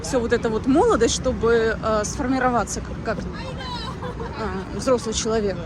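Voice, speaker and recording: A woman in her thirties chats through a casual vlog outdoors, musing and rambling with lots of fillers. Her voice sits a little high. Clear traffic noise from the city street runs behind her. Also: very animated, measured pace, crowd noise. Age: 30s. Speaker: vlogger. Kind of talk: casual walking vlog chat.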